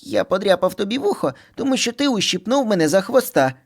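A man's voice: high-pitched, big pitch swings, a little fast, pitched above the performer's own voice, full character voice. A man voicing two squabbling little boy bunny brothers in a storybook reading, whiny and bickering.

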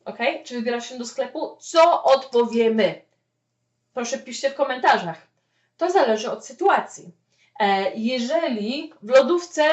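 A woman teaching a spoken English lesson, explaining with lively "okay?" check-ins. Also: a little high. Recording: echoey room, mic at a distance, dull lo-fi sound.

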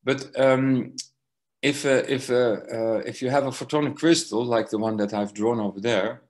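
A man giving an academic science lecture, talking slowly through slides with many fillers and restarts. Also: medium pitch, fairly even intonation, darkish tone.

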